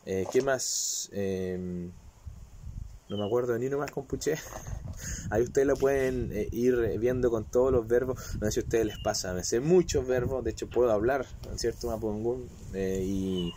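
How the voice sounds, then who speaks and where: A man's voice: mid-range voice, moderate pace, mellow, slight background noise. A man with a slight cold gives a casual video lesson, talking chattily and often checking that his viewers follow along. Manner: chatty, keeps checking in with "¿ya?" and "¿cierto?". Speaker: language teacher.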